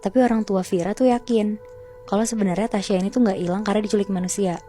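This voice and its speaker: A woman's voice: medium pitch, steady tone, fast, dark tone, soft background music. A woman telling a horror story to a friend in a chatty, slangy way, often calling out to her listener.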